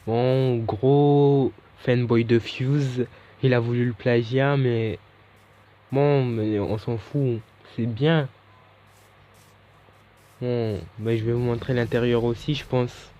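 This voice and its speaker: A young gaming YouTuber talks loosely and chattily over his own gameplay, often correcting himself. His mid-range, mellow voice stays fairly even in intonation, moving slowly with frequent pauses. The recording has a dull lo-fi mic quality and faint hiss.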